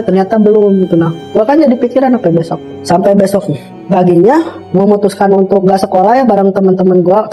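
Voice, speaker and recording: A man's voice: high-pitched, warm tone, poor audio. A young man telling a personal story in casual, rambling speech full of fillers, often calling the listener brother. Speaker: storyteller guest.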